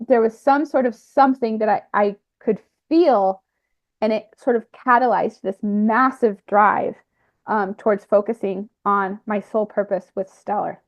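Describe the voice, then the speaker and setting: Lady talking thru her own spiritual story, trails off and restarts a lot, kinda muffled lo-fi sound. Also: mid-range voice. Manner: halting, with frequent fillers and restarts. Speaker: speaker sharing a personal spiritual account. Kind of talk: personal reflective monologue. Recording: slightly muffled lo-fi recording.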